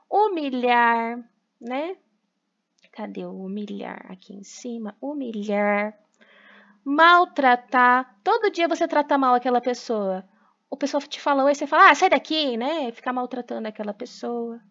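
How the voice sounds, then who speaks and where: A woman's voice: a little high, fairly bright tone, highs cut off. A woman teacher recording a lesson for children, explaining patiently and checking in with frequent tag questions.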